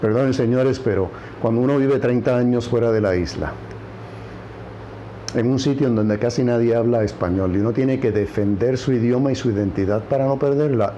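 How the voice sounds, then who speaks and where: Man, Puerto Rican accent, political commentary, emphatic, warm dark tone. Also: mid-range voice, a little fast, highs cut off, slight background noise. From Puerto Rico. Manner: emphatic, repeats key words for stress. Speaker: news commentary host.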